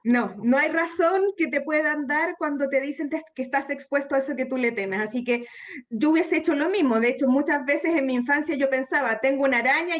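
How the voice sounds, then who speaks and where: A woman's voice: high voice, muffled recording. A Chilean woman psychologist speaking as a radio guest, explaining earnestly and candidly. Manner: earnest, explanatory, candid about own fears. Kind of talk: conversational interview.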